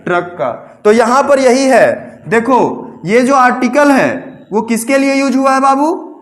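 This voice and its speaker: A man's voice: extremely high pitch, expressive, measured pace, fairly bright tone. A man teaching English grammar to a class, repeating his questions back to the students and calling them "babu". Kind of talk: classroom lesson.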